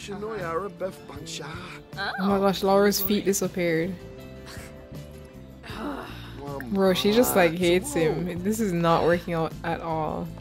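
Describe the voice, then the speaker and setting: A woman's voice: on the low side, little pitch movement, slow pace, pauses often, music in the background. A woman gaming YouTuber giving chatty, giggly let's-play commentary, bossing her characters around.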